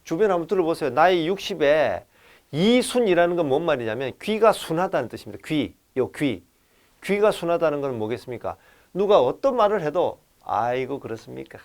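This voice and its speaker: A man giving a lively lecture on classical texts, speaking straight to his audience and switching between polite and casual speech. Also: fairly high pitch.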